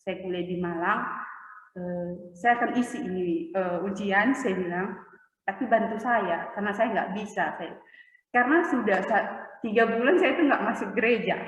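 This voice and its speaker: A young woman telling a personal testimony, laughing often and filling pauses as she tells her story. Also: medium pitch. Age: young adult. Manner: emotional storytelling with frequent laughs and fillers. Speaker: student giving a testimony. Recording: echoey hall from far off.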